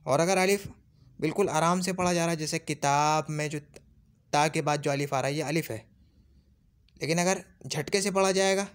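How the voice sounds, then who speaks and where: A man teaching Arabic grammar, patiently repeating points and checking whether his listeners have understood. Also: a little high. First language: Urdu. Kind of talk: classroom lesson.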